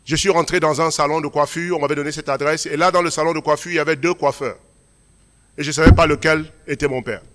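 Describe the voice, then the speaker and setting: A man's voice: on the high side, steady tone, quick pace, slight background noise. Man preaching in a reverberant church hall. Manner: emphatic preaching, drops to quiet storytelling. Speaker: pastor. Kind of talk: sermon. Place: large church hall at a Sunday service.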